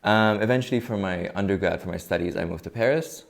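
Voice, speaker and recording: Brief: young male interview guest from Lebanon, low and gravelly, measured and reflective. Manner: thoughtful, measured, restarts often. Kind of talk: interview answers.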